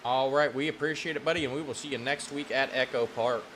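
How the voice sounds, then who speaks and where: Bright-voiced male race broadcaster. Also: mid-range voice, steady tone, slight background noise. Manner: upbeat, hurried questions with many fillers. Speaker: esports racing broadcaster interviewing drivers. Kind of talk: post-race interview.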